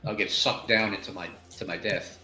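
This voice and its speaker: A man playing a tabletop game, joking and rambling, quick to laugh. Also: fairly low pitch, fairly even intonation, bright, forceful tone, faint music behind. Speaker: player. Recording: echoey room.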